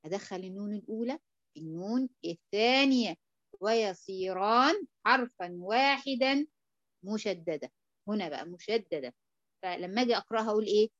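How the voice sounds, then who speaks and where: A woman's voice: mid-range voice, animated, fairly quick, dry recording, lo-fi sound. A woman with an Egyptian accent teaching a tajweed lesson, who checks often that the student understands and draws out syllables to demonstrate them. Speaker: Quran recitation teacher.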